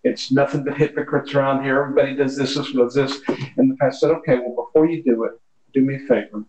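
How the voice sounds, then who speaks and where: A man relaxed in telling a parable during a church Bible study discussion in a meeting room. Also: medium pitch, fast talker, echoey room, muffled recording. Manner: relaxed storytelling with quoted dialogue. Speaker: class member.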